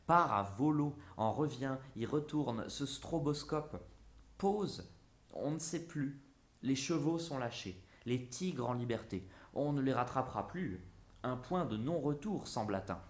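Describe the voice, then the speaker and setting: A man's voice: medium pitch, expressive, unhurried, darkish tone. A man reading a literary essay aloud in a musing, theatrical way. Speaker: narrator. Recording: roomy echo.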